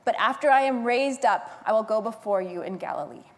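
A grave male teacher who speaks in calm, measured words, as a woman preacher quotes him in her own voice. His lines carry a long hall reverb and sink quiet at the ends. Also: a little high, close to an everyday voice. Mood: solemn.

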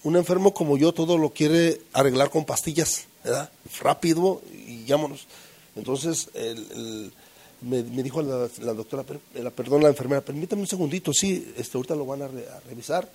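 Husky man sharing a rambling recovery testimony. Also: moderate pace, mellow. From Mexico. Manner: rambling, filler-heavy, tag questions; acts out quoted voices with pitch jumps. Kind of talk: personal testimony to a group.

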